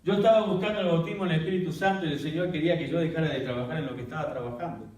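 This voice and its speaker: A male pastor teaching a church workshop in a preaching manner, with a fairly high voice. He tells his story dramatically and breaks into loud, high bursts. The sound comes from far off the mic in a very echoey hall. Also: very fast.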